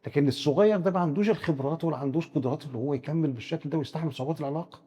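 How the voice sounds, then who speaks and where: Egyptian guy talking super fast, husky dark voice, bit higher pitched, explaining stuff with lots of restarts, reverby room. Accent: Egyptian Arabic. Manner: rapid, explains with first-person examples, frequent stammered restarts. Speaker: psychiatrist guest expert. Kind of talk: explanatory discussion.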